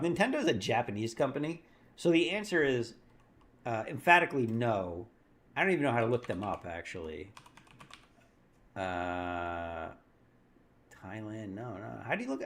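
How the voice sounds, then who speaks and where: A man hosts a casual live stream about markets, thinking out loud and correcting himself mid-sentence. His pitch rises and falls a lot as he talks. He laughs often between his points. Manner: rambling, thinks aloud, self-correcting.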